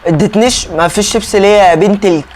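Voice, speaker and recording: A man's voice: high-pitched, quick pace, darkish tone, a little hiss or hum. A young man with an Egyptian Arabic accent giving chatty, joking gameplay commentary to his viewers, bursting into mock outrage now and then. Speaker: gaming YouTuber.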